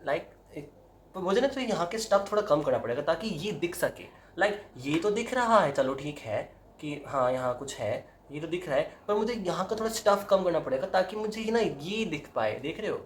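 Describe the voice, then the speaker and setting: This young man's voice sits high, expressive and fairly quick, as he casually addresses the camera during a home haircut he's doing himself. A vlogger, he mixes Hindi and English and breaks into dramatic yelps and laughs, recorded in an echoey, roomy room with a faint hiss or hum.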